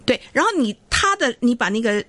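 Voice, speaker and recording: Woman, middle-aged, fast-talking, slightly high, dry close sound, Mandarin teacher explaining. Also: dry recording. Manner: animated, keeps asking "right?" to check understanding. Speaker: Mandarin teacher and exam examiner. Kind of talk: explaining in a radio lesson.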